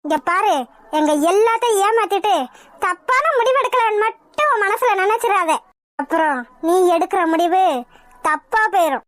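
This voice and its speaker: A woman's voice: extremely high pitch, animated, moderate pace, fairly bright tone, dry recording. A woman voicing a scheming, cruel middle-aged mother-in-law in a cartoon, mocking and coolly threatening. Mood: menacing. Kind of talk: Tamil cartoon voice acting.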